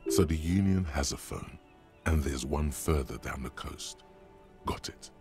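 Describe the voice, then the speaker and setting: An actor voicing the brooding, sardonic inner voice of a detective's mind in a video game, narrating slowly and deliberately. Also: male voice, rumbling low, over loud music.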